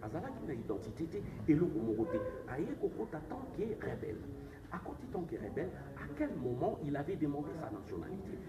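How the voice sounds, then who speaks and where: A presidential candidate with a Congolese accent argues insistently in a political interview, code-switching between languages to make his case. His voice is fairly high, very animated and fast, captured in a distant, echoey, noisy room.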